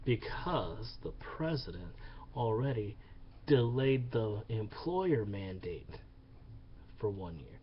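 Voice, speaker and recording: A man's voice: lowish voice, sing-song, slow pace, a little hiss or hum. Man, cursing political rant vlog, heated and repetitive, muffled lo-fi sound. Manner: profane, heated, repeats himself. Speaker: vlogger.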